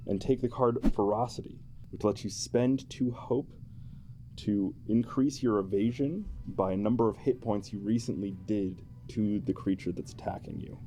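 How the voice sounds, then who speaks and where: A man with a mellow, lowish voice explains a tabletop game character build to a co-host in a chatty way. He sounds amused and playful, chuckling often.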